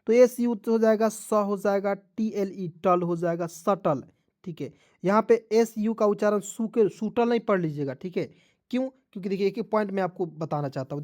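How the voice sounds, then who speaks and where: A man's voice: high voice, darkish tone. A man teaching English pronunciation in a video lesson, drilling each rule again and again and addressing viewers as friends.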